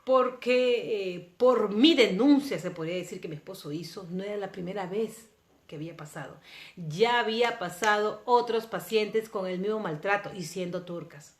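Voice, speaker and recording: A woman from Peru, telling a personal story to camera in an earnest, emotional way, her volume swinging between soft and intense. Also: medium pitch, moderate pace. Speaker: vlogger. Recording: roomy echoing room.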